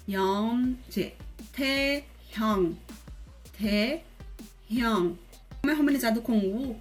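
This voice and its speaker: Chatty woman teaching pronunciation. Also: a little high. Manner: chatty, repeats words slowly and carefully. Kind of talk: casual video lesson.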